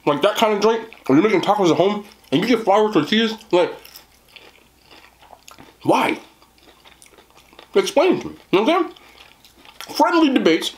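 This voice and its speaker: A man's voice: high-pitched, big pitch swings, normal speed, pauses often. A young man doing a mukbang eating chat, joking in slang and talking while he chews. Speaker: food reviewer.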